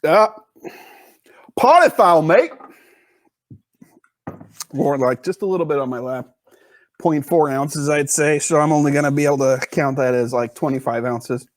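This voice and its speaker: A man's voice: medium pitch, steady tone, fairly quick, a little mellow, no echo. A man from the US Pacific Northwest hosting a casual beer review podcast, rambling and joking as he reads reviews aloud.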